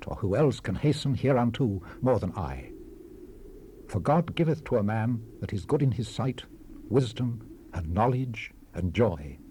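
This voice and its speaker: A male scripture narrator gives a dramatized Bible reading as a weary, brooding old-world preacher reflecting on life's vanity, grave and resigned. His low, mellow voice is solemn, measured and declamatory, with falling phrase endings. The recording is a hissy 1970s cassette rip.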